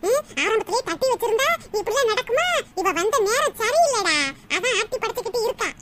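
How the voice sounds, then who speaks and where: A woman's voice: extremely high pitch, animated, brisk, heavy background noise. A woman voicing a bitter old mother-in-law in a cartoon, wailing and taunting. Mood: scolding. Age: older. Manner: wailing laments and mocking taunts. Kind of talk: cartoon voice acting.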